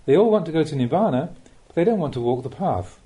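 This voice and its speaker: In a measured, deliberate manner, with rhetorical questions, a man who is a Buddhist monk reads a scripted spiritual teaching as an audiobook. His voice runs on the high side, animated and warm.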